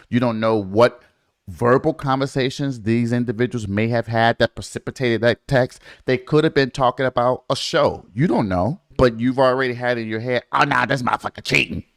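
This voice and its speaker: A man's voice: medium pitch, no room sound, studio quality. A man hosting a casual true-crime podcast, blunt and opinionated, acting out quotes in his speech. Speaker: podcast host.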